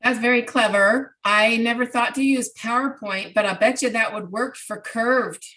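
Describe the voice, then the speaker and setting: A middle-aged woman with a somewhat high, a bit bright voice talks at normal speed. She's presenting an informal online workshop from her home craft room, explaining step by step with examples and answering participants' questions. Her audio comes from a computer mic on a video call.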